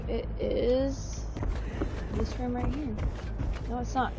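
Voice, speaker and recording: A woman hosting casual let's-play commentary, excitable and thinking aloud, with a lisp from wearing braces. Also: fairly high pitch, slow. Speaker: host of a gaming channel. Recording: clearly noisy background hum.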